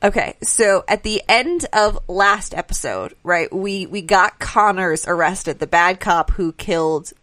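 Woman, podcast co-host, brisk casual recap delivery, dry mic. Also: medium pitch, no room sound. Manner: quick, animated recapping with quoted voices.

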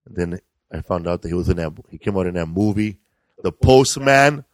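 A man's voice: low-pitched, animated, moderate pace, no echo. A middle-aged man, a comedian and host, telling stories in a casual, rambling and profane way. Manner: profane, rambling, laid-back delivery. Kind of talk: casual storytelling chat.

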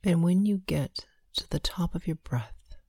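A woman leading a guided meditation, counting breaths slowly with long pauses between short phrases. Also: lowish voice, mellow, breathy edge, no room sound, studio quality.

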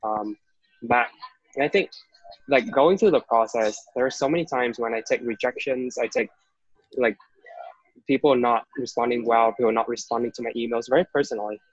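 A man's voice: mid-range voice, moderate pace, no echo. A young man from Vietnam, a guest in a casual interview, talking hesitantly with many restarts and fillers. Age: young adult. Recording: dull, dry recording.

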